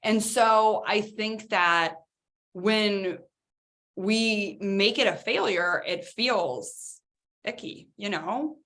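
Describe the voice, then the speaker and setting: Woman co-host, chatty and animated, average pitch, casual podcast talk. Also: extremely slow. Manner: animated, chatty, lots of fillers. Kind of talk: casual chat.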